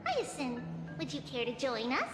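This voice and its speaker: A woman voicing a serene, gently amused young lady in a fantasy video game, airy and courteous, in echoey audio. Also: high-pitched, wildly swooping pitch, normal speed, loud music behind the voice. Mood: serene, lightly amused.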